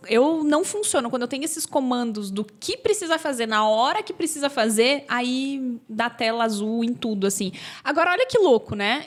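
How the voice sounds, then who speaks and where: A Brazilian woman in her thirties, a podcast guest who tells her stories in an animated way and laughs often. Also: fairly high pitch. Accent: Brazilian Portuguese. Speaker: podcast guest, labor lawyer. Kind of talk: casual podcast chat.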